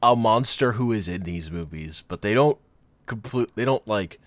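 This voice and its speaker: Animated low-voiced man, dry sound. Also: normal speed, no echo. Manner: animated, jumps into excited mock voices. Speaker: podcast co-host. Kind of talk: casual chat.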